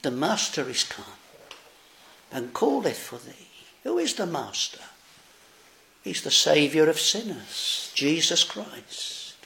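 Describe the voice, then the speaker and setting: A man preaching a sermon, slow, solemn and earnest. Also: fairly high pitch, sing-song, gravelly, bright, forceful tone.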